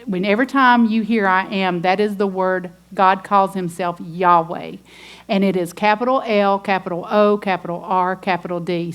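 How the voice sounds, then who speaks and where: Earnest woman preaching. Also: medium pitch. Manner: earnest, emphatic, reads scripture aloud. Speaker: women's ministry teacher. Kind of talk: sermon.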